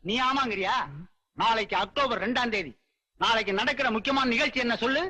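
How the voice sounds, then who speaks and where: Sarcastic teacher, very high bright voice, husky edge, theatrical. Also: male voice, fairly quick, exaggerated voice. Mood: exasperated. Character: sarcastic male teacher, exasperated. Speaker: college lecturer. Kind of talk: 1990s comic film acting.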